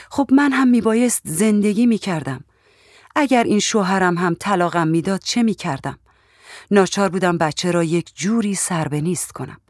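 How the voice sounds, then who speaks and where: A woman's voice: medium pitch, no room sound, studio quality. A woman reading a story aloud in the first person, in a conversational, plainspoken telling. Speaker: audiobook reader.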